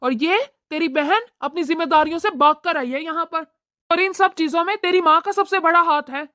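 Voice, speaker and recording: A woman's voice: very high-pitched, normal speed, bright, forceful tone, dry recording, clean studio sound. A woman voicing a stern middle-aged father in a cartoon, scolding and lecturing his family. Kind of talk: cartoon voice acting.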